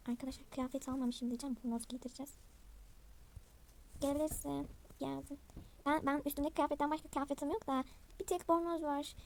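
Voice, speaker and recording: A woman's voice: high voice, vocal fry, a little mellow, slight background noise. A young woman playfully narrating a dollhouse game and voicing all the characters herself. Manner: voices several characters by herself, chatty. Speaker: channel host playing a dollhouse game.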